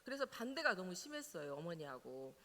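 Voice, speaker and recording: Lively middle-aged woman pastor. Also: on the low side, a little fast. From Jeolla, South Korea. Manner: animated storyteller, laughing now and then. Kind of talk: personal testimony in a sermon. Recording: reverberant church hall.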